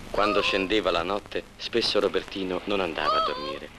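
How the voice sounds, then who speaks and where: A man's voice: low voice, moderate pace, noisy background, natural voice. An actor playing a reflective Italian man, narrating his memories wryly in a 1950s film style. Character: reflective grown man recalling his rural childhood. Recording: old film soundtrack with loud music.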